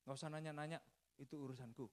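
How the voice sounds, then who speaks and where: A man's voice: on the high side, fairly even intonation, fast, natural voice. A man doing a vain bossy tiger.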